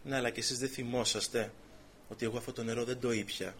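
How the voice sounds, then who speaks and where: A man preaching a sermon, retelling conversations and scripture in dramatic storytelling, swinging from soft to loud. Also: mid-range voice, steady tone, slightly rough.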